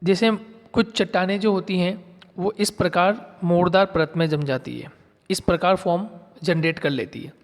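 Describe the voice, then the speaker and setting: A man's voice: high voice, normal speed, in a large hall. A man giving a geography lesson, explaining step by step and repeating key terms, asking his viewers questions and answering them himself. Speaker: geography teacher. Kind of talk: classroom lecture.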